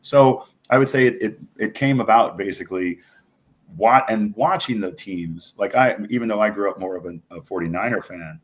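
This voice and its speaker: Speaking at a moderate pace in a voice on the low side, a man from New York City tells anecdotes as an interview guest on a podcast. He owns a bar, and he's enthusiastic and rambling, often dropping "you know" into casual conversation.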